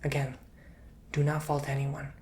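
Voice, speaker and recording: A man giving an intimate, chatty ASMR tarot reading, drifting between soft speech and whispers and calling the listener honey. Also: medium pitch, monotone, measured pace, a little hiss or hum. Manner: repeats words for emphasis. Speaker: tarot reader.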